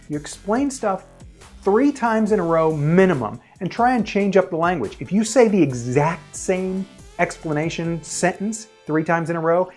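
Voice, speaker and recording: A man's voice: fairly high pitch, darkish tone. A man giving tips in a casual, plain-spoken on-camera tutorial, recorded on his own camera, with occasional fillers. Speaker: video presenter giving tips. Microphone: self-recorded on his own camera.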